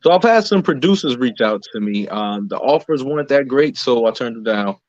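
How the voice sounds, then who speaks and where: An American man with a medium-pitched, expressive voice speaks briskly as a playwright and producer being interviewed, explaining things in a casual, conversational way. The audio is dull and lo-fi, with a roomy echo.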